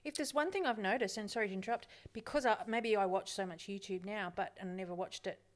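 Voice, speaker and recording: A woman's voice: medium pitch, quick pace. A woman, the host's mum, in a casual podcast chat, asking curious questions and sharing her view. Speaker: podcast guest.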